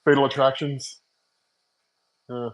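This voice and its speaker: Speaking slowly in a level, mid-range voice, a comics channel host in his forties talks casually with his live-stream audience. He's home brewing coffee, using wireless earbuds, and his loose chatter is packed with fillers and laughter.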